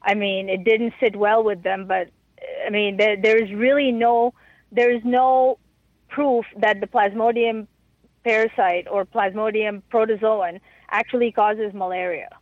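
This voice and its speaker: A woman answering an interviewer's questions over the phone, halting and stumbling over her words. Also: mid-range voice, fairly even intonation, dry recording. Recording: tinny phone line.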